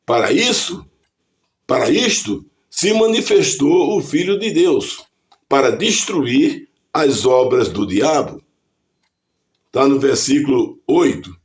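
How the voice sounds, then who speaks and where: Delivering a prepared devotional, a Brazilian-accented man reads scripture aloud at a deliberate, measured pace. His mid-range voice moves through wide pitch swings.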